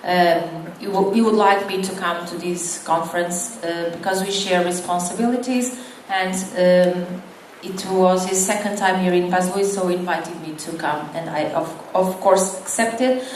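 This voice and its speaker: A woman's voice: on the low side, unhurried, a little mellow. Hesitant woman speaking in an echoey hall. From Portugal. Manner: hesitant, many fillers and restarts. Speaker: English teacher giving a conference talk. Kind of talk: conference presentation. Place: conference hall. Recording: echoey hall from far off, faint noise.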